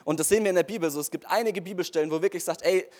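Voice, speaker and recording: Young man, slightly high voice, earnest casual testimony, filler-heavy, speaks straight to listeners. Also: very fast, a little mellow.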